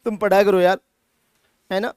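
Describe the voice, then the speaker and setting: A man's voice: high-pitched, level tone, normal speed, darkish tone, smooth, no echo, studio quality. A male chemistry teacher lecturing a classroom, scolding students and repeating his points with emphasis.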